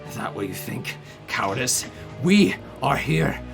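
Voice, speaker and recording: A man's voice: medium pitch, lively intonation, a little slow, gravelly, fairly bright tone, soft background music. A man voicing an angry, war-hungry orc leader with an indignant, zealous manner.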